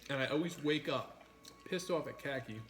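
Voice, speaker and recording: A man's voice: medium pitch, moderate pace, fairly bright tone. A man hosting a casual livestream over a meal, talking in a frank, sweary way. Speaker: livestream host.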